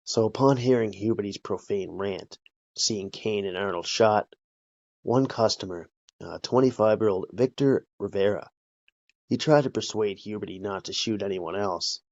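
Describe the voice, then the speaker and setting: Low gravelly man telling a crime story. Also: normal speed, darkish tone, dry recording, lo-fi sound. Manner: loose, profane, conversational with frequent "right?" and "like". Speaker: podcast host. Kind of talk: casual true-crime storytelling.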